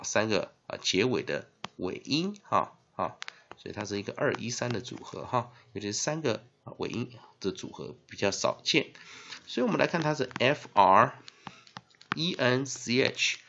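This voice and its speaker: A man teaching English spelling and phonics in Mandarin with a Taiwanese accent, spelling words out letter by letter and filling pauses with drawn-out "ah" sounds. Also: medium pitch, creaky, a little hiss or hum. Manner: spells words letter by letter, heavy fillers, lively emphasis. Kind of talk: classroom-style phonics lesson. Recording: dull lo-fi recording.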